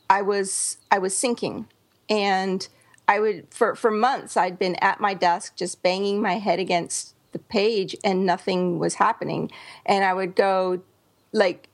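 Casting: middle-aged woman podcast host, gravelly edge, candid and rambling. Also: mid-range voice. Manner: candid, rambling with restarts and fillers. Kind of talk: casual podcast chat.

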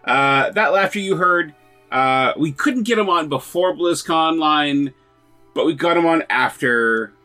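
A man's voice: a little high, unhurried, pushed and bright, soft background music. A man hosting a podcast in an easygoing, joking manner. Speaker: podcast host. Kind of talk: casual podcast chat.

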